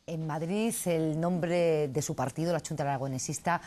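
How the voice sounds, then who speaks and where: A woman hosting a morning TV interview, introducing guests and asking formal, measured questions. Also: deep voice, steady tone, mellow. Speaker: interviewer, TV host.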